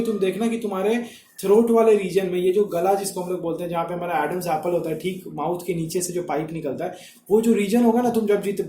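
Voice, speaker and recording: A man's voice: high-pitched, warm tone, a little hiss or hum. A male teacher giving a classroom lecture, repeating key points and checking understanding with rhetorical questions. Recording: echoey room.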